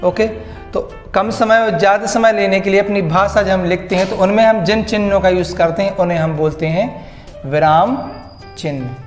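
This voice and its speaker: A man explains a grammar lesson and keeps repeating key words back to his students as questions. His voice sits high, and it rings in a roomy, echoing space with faint music behind it. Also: moderate pace. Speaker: teacher. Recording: echoey room with faint music.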